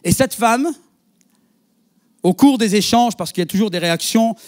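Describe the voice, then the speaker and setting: High-voiced man preaching a storytelling sermon. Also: moderate pace. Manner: animated storyteller, quotes others in dialogue. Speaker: pastor. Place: church.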